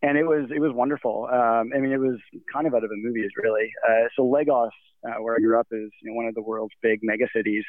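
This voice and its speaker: Fast and fairly even in intonation, a Nigerian man's mid-range voice comes through dry on a tinny, phone-like call as he's interviewed as a guest. He talks casually in a rambling way, full of fillers and restarts.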